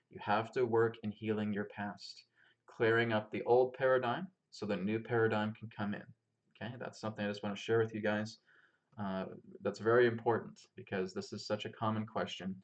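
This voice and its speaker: A man with a fairly deep voice teaches on spiritual matters in an informal talk. He is emphatic, repeats his points and often checks in with listeners. The sound is a little dull and lo-fi. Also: little pitch movement, normal speed. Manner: emphatic, repetitive, checks in with "okay". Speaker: spiritual teacher and healer hosting a live Q&A.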